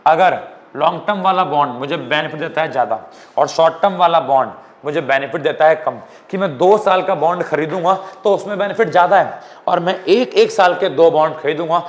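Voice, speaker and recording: A young man from India teaching an economics lecture in an informal classroom style, often checking whether students follow. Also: fairly high pitch.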